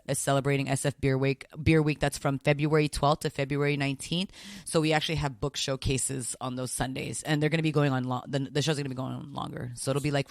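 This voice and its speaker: A man's voice: mid-range voice, dry recording, studio quality. A man chatting casually as a podcast guest, talkative and repeating words as he goes. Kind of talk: casual chat.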